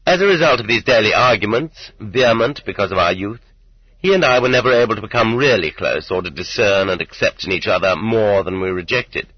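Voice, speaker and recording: Husky low-voiced male narrator. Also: expressive, dry recording, dull audio. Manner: measured, earnest reading with quoted voices lifted higher. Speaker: audiobook narrator. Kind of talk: scripted narration.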